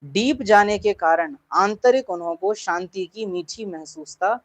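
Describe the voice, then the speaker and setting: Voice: medium pitch, unhurried, poor audio. A spiritual teacher giving a class talk in an earnest way, repeating points for emphasis and putting questions to the listeners.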